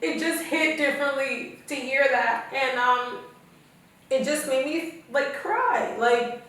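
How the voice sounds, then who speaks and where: Young female podcast host from Kenya, high voice, unhurried, emotional; recorded far from the mic in a very echoey room. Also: a bit bright. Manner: emotional, tearful and laughing. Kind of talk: casual chat.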